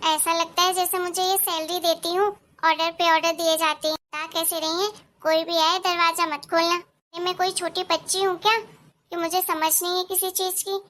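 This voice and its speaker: A woman plays a young daughter-in-law in a cartoon moral story. She talks to herself in a chatty, grumbling run of thoughts. The voice sits very high. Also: level tone, normal speed, a bit bright.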